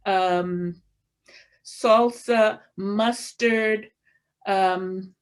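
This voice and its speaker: Slow, methodical woman listing foods. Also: medium pitch. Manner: slow, listing items one by one with fillers; showing foods from her pantry. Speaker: health presenter. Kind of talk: informal health talk.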